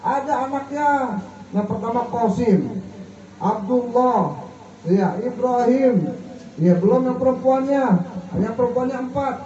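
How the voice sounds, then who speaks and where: A man's voice: expressive, measured pace, pauses often. Man preaching in an echoey hall. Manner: leaves words unfinished for the crowd to complete; rises high and soft on questions. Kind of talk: sermon. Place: large room at a gathering. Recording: dull, echoey, from a far mic, faint hiss.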